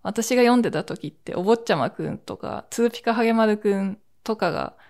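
A woman's voice: mid-range voice, expressive, fairly quick, darkish tone. A woman in her forties from Akita, hosting a podcast and telling a childhood story in a chatty, rambling way with asides. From Akita, Japan. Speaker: podcast host. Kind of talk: casual solo storytelling.

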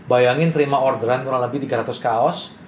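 A young man, a business owner telling his story in a casual interview with brash, animated confidence. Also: medium pitch, quick pace. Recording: roomy echo with faint noise.

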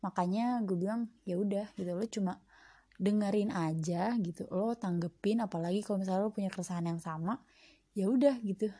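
A woman's voice: medium pitch, brisk, dark tone, no room sound. A young woman talking casually on her own at home, reflective and chatty with lots of fillers. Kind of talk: casual solo monologue. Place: home at night.

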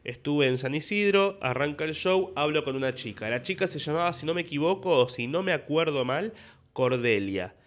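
A man's voice: a little high, expressive, moderate pace. A young man with a Rioplatense Argentine accent talks in a loose podcast monologue. He is a stand-up comedian who recounts stories from his shows and slips into voices for the people he met. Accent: Rioplatense Spanish. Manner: storytelling with acted-out dialogue.

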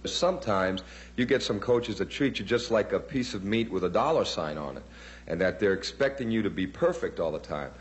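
Deep-voiced man, casual sports interview. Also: animated, normal speed. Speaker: football player being interviewed. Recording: faint hum behind the voice.

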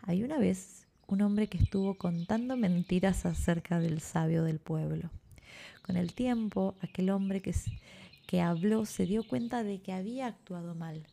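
A woman guiding a yoga nidra meditation and reading stories in a slow, soothing way. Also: mid-range voice, creaky, dark tone. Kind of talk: guided meditation with story reading.

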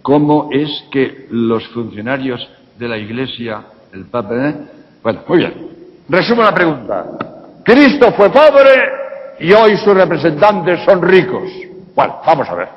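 A man's voice: a little high, very animated, unhurried. A man from Spain with a Spanish accent, a priest answering audience questions bluntly with rhetorical questions. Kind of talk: public lecture Q&A. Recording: reverberant hall, dull lo-fi sound.

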